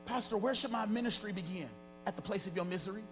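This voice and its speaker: Speaking fast in a voice that sits high, a man in his forties preaches as pastor from a big church stage into a handheld mic. His cadence rises and is half-sung. Band equipment and an audience surround him, and music is audible in the background.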